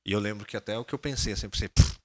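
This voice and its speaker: Brazilian guy on a podcast telling a story, talks super fast and chatty. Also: on the low side. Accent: Brazilian Portuguese. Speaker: podcast guest. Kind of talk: casual storytelling.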